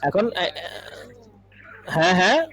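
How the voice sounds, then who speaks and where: A man's voice: high-pitched, lively intonation, takes it slowly, a bit bright, poor audio. A male Arabic teacher giving an online class lecture, patiently explaining with everyday examples, repeating phrases and often checking whether students understand.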